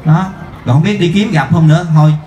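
Quick bantering man on stage. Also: fairly high pitch, warm tone, a little hiss or hum. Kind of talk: live stage comedy skit.

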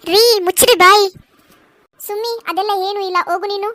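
A forgetful, bossy mother-in-law from a comedy cartoon, acted by a woman. She scolds and wails in a very high, bright voice, recorded close and dry. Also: fairly even intonation, fast talker, dry recording. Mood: scolding. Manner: scolding, commanding, dramatic laments. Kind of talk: cartoon voice acting.

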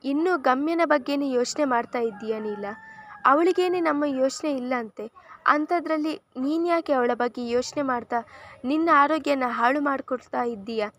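A woman's voice: high-pitched, normal speed. A woman voicing a middle-aged father who speaks coldly and tersely about his estranged daughter. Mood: stern. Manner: flat, clipped. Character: stern middle-aged father, hurt and cold.

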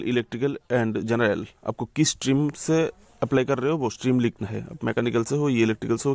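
A man's voice: mid-range voice, darkish tone, no echo. A man hosting a channel, giving an informal voice-over that walks viewers through a job notification, often calling them friends and correcting himself. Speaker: YouTube channel host.

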